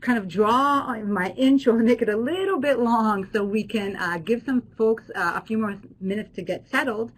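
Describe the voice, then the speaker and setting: A woman professor from Israel hosts an online class for alumni, speaking into a computer mic. Her voice sits a little high. She talks in a friendly way, full of fillers and restarts. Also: expressive, fast talker, few pauses, poor audio. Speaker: business school professor. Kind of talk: online alumni webinar talk.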